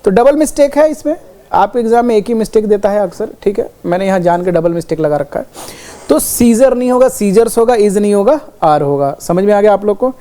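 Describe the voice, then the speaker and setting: A woman teaching English grammar in a classroom lesson. She explains with everyday examples, checks in with "okay" again and again, and slows right down to spell out the English example sentences. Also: mid-range voice, lively intonation, mellow. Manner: explains with everyday examples, repeats "ठीक है" often.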